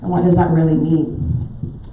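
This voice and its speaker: A woman's voice: low-pitched, level tone, measured pace, a little hiss or hum. A middle-aged woman from Barbados with a Barbadian accent, telling stories with filler ums as a guest speaker at a club meeting in a pub. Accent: Barbadian, softened by years in the US. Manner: warm storytelling with filler ums. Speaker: guest speaker, naturopathic doctor. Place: pub dining room. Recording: echoey, dull, distant room recording.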